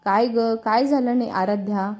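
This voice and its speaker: A woman's voice: on the high side, moderate pace, soft background music, natural voice. Woman voicing a soothing young best friend. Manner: calming, friendly advice.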